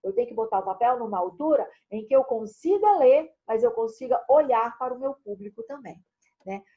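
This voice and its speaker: A Brazilian woman teaching an online class in a lively, chatty way, speaking straight to her students. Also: a little high, brisk, husky, muffled recording. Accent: Brazilian Portuguese. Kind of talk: recorded online lesson.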